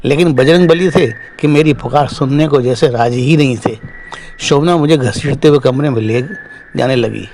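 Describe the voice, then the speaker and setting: Man, horror narrator, scripted storytelling, mid pitch, faint hiss. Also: normal speed, darkish tone. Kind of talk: scripted first-person narration.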